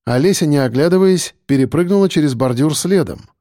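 A man's voice: on the high side, lively intonation, brisk, mellow, dry recording, studio quality. A man narrating an audiobook in a dramatic storytelling manner.

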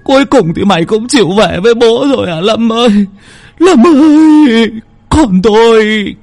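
A man's voice: on the high side, lively intonation, moderate pace, warm tone, pitched above the performer's own voice. A man voicing a middle-aged father who sobs and stammers as he cries out to his dead son. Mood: wailing.

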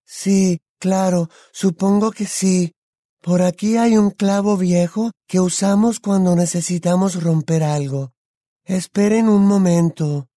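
A man doing a dreamy, soft-spoken teenage girl. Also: high-pitched, no echo, clean studio sound, voice pushed up. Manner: soft, slow, calm.

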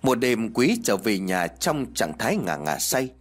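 A man narrating a storybook tale in an expressive storytelling manner. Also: lowish voice, a little slow, slightly rough.

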